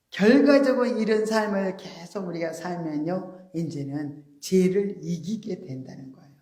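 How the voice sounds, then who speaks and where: A woman preacher giving a sermon, explaining earnestly with soft, polite endings. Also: fairly low pitch, reverberant. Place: church sanctuary.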